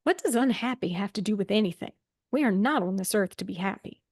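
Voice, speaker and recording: Her mid-range voice is animated and slightly mellow, moving at a quick pace in a dry recording. Performing an improvised role-play reading, the woman plays a gloomy young writer with an American Southern accent who is blunt, dry, and contrary.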